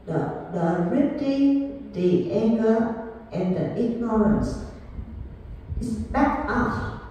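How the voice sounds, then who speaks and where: A woman giving a Buddhist dharma class, speaking deliberately and repeating key phrases to her students. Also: on the high side, warm tone, slight background noise. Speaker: Buddhist teacher. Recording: echoey hall, far from mic.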